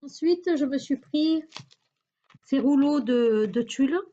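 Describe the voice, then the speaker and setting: A woman's voice: high voice, slow, warm tone, lo-fi sound. A woman chatting through a shopping haul video, hesitant and searching for words with many fillers. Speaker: YouTuber showing a shopping haul. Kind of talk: casual haul video chat.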